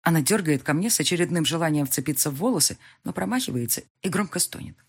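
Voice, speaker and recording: A woman's voice: deep voice, lively intonation, fast talker, husky. A woman reading a first-person audiobook, telling the story expressively. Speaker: audiobook narrator.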